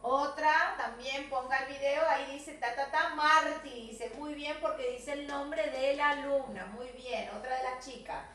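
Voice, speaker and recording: A high, bright-voiced Argentine woman teaches English to small children, slowing down to drill phrases and sometimes singing. She sounds far from the mic in a very echoey room with faint noise behind her. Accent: Argentine Spanish. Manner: sings songs, drills sentences slowly for children. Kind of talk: online video class.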